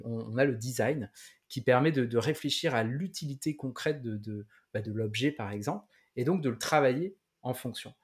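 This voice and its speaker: A man's voice: mid-range voice, a little mellow. A man co-hosting a tech podcast, chatting casually with many fillers and restarts. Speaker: podcast co-host. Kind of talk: casual chat.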